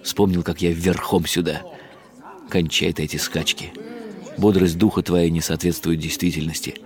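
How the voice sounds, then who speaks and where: In a deep, flat voice, a man reads a first-person literary story as a radio play. His tone is measured, wry and bitter.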